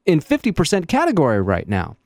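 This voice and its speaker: A man's voice: on the high side, huge pitch swings, fairly quick, gravelly, darkish tone, dry recording, clean studio sound. A man hosting a morning radio show, chatting and teasing his guest in upbeat banter. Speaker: radio host.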